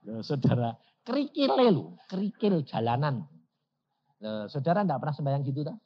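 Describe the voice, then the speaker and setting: A man's voice: on the high side, big pitch swings, normal speed. A man preaching a sermon, telling a story and acting out its dialogues. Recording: lo-fi recording.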